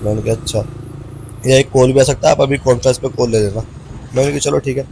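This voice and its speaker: Riding a motorbike outdoors, this Haryana-born man vlogs and tells a story in a relaxed, colloquial way, mixing slangy Hindi with English words and addressing his viewers as brother. He talks fast, with a medium-pitched, steady, dark-toned voice. The recording clearly picks up engine and road noise, plus traffic and outdoor ambience.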